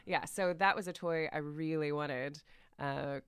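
A woman's voice: sits low, fairly even intonation, measured pace, clear, resonant tone, no echo, studio quality. An American woman in her thirties chatting as a podcast guest, rambling and self-deprecating with frequent laughter. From United States. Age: 30s. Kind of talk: casual podcast chat.

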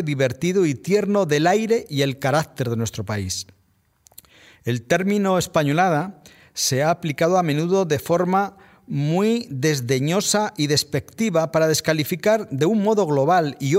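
Spanish guy hosting a podcast, kinda higher voice, slow thoughtful scripted storytelling. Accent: Spain Spanish. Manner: measured, reflective storytelling. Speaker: podcast host. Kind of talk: scripted narration.

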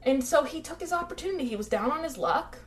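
A woman's voice: high voice, lively intonation, fast talker. A young woman co-hosting a podcast, telling a true-crime story casually, acting out quotes and swearing freely. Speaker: podcast co-host.

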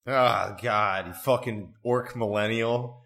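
Bright-voiced man echoing like a cave. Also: lowish voice, fairly even intonation, gravelly. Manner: joking, profane, quick to laugh. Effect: hollow cave-like echo from a bare new room. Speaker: podcast co-host running a character-building game. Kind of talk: casual banter while rolling dice. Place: newly moved-into unfurnished room. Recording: echoey bare room, no setup.

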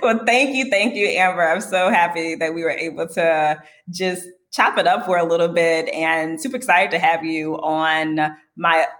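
A woman hosting a casual podcast interview, animated and laughing often, with many fillers. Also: on the low side, moderate pace, few pauses. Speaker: podcast host.

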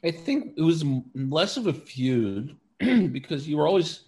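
A man's voice: fairly high pitch, big pitch swings, a little slow, darkish tone. A man talking casually and wryly in an interview, rambling with lots of filler words. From Queens, New York City. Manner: rambling, wry, peppered with like and you know. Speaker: stand-up comedian guest.

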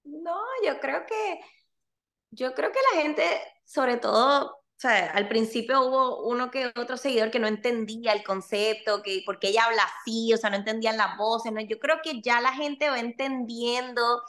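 A woman in her forties chatting as an interview guest, her voice bright and a little high. She talks fast and lively and slips into quoted voices as she tells her stories. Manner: animated, rapid, acts out quoted voices. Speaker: guest, content creator. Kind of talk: casual interview chat.

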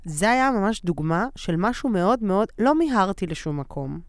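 A woman co-hosting a podcast in casual chat, telling stories with animated acted-out quotes. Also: medium pitch, no room sound, studio quality. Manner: animated storyteller, acts out quotes. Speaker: podcast co-host.

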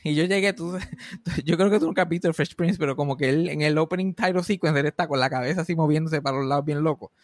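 Lively young man telling stories, dry sound. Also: fairly high pitch, quick pace, no room sound. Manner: lively storyteller, swearing and mixing in English phrases. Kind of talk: casual chat.

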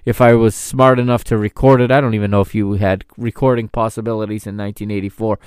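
A man's voice: fairly low pitch, flat delivery, fast, darkish tone, smooth, no room sound, clean studio sound. A man in his thirties hosting a podcast, reflecting on an old football match in a rambling, casual way. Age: 30s. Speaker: podcast host. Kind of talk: casual retrospective football commentary.

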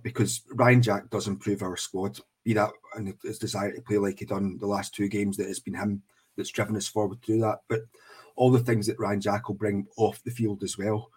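Husky scottish bloke, lowish voice, makes his case on a footy podcast, earnest and long-winded. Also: darkish tone. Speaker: podcast co-host. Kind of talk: casual football podcast chat.

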